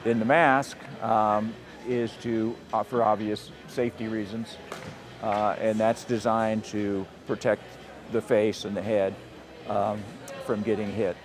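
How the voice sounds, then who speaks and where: A man's voice: fairly low pitch, level tone, unhurried, over music. A man from a fencing club, explaining tournament rules and safety gear step by step, recorded outdoors.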